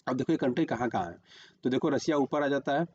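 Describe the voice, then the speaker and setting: A man's voice: mid-range voice, quick pace, a little mellow, highs cut off. A man teaching a current-affairs lesson for exam prep, repeating "remember" and "okay" while marking a map on screen.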